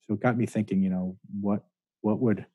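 A low-pitched man with a husky, mellow voice, talking thoughtfully as a chiropractor guest. He explains at length and hedges his claims. The sound is dry and close to the mic. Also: steady tone, fairly quick, no echo, lo-fi sound. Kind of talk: casual interview talk.

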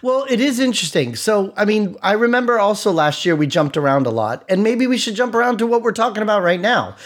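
A man's voice: high voice, sing-song, quick pace. A man co-hosting a podcast in casual, conversational chat. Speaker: podcast co-host.

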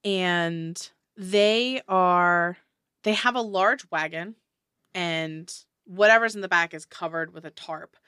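Bright-voiced woman game master. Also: lowish voice, takes it slowly, clear, resonant tone, dry recording, clean studio sound. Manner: casual, hesitant narration with fillers. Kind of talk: narrating a tabletop game.

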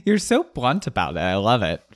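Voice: medium pitch, wildly swooping pitch, fairly quick, no echo. A podcast co-host reacting in casual chat, playful and chatty.

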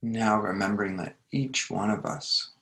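A man leading a guided meditation, speaking gently in short phrases with long unhurried pauses. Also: on the low side, poor audio.

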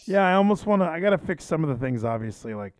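A man's voice: on the high side, sing-song, fast, darkish tone. A man hosting a podcast in casual, rambling chat, often interrupting and repeating himself. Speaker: podcast and livestream host. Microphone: handheld microphone.

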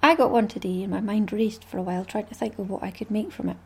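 Husky-voiced Scottish woman chatting. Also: medium pitch, fast. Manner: chatty and rambling, with small laughs. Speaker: craft podcast host. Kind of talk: casual solo podcast chat.

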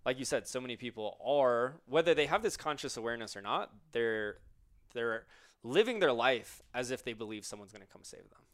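A man's voice: mid-range voice, expressive, fairly quick, a bit bright. A man co-hosting a podcast, talking casually and giving reflective, coaching-style advice. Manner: reflective, coaching tone, asks listeners questions. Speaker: podcast co-host.

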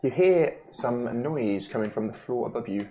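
A woman narrating as game master, halting with frequent ums. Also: a bass voice, expressive, warm tone, a little hiss or hum.

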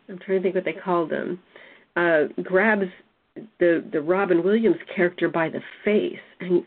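A woman leading a Bible study discussion, speaking thoughtfully and searching for her words. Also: on the low side. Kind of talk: reflective group discussion. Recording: tinny phone or call line.

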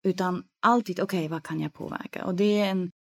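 A woman's voice: on the low side, fairly even intonation. A woman from East Germany, a guest expert in a podcast conversation, who talks with animation and acts out inner voices as she explains.

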